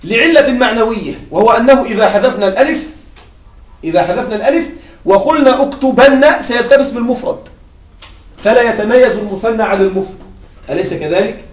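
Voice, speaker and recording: A man teaching an Arabic grammar lesson to a class, asking questions and answering them himself, repeating key points slowly for emphasis. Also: extremely high pitch. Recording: echoey room, mic at a distance.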